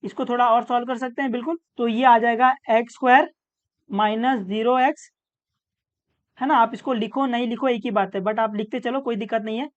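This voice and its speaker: Patiently posing and answering her own questions, a woman tutor explains a maths problem step by step with terminology. She speaks fairly quickly in a slightly high voice with fairly even intonation, and the recording is dull and lo-fi.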